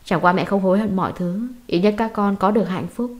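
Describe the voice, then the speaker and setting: A woman's voice: medium pitch, steady tone, quick pace, natural voice. A woman reading as a dying, guilt-ridden mother. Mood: remorseful.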